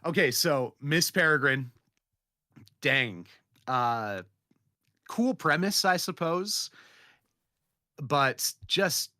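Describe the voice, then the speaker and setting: A man's voice: medium pitch, pushed and bright, no echo, studio quality. A man co-hosting a movie podcast, talking in a laid-back casual way. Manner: laid-back, says "man" and "dude" often. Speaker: podcast co-host. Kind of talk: casual chat.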